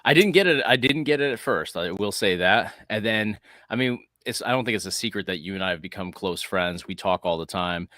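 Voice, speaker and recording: A man's voice: on the low side, lively intonation, brisk, hardly any pauses, pushed and bright, dry recording, clean studio sound. A man hosting a casual livestream chat, rambling and thinking aloud with frequent restarts. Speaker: host.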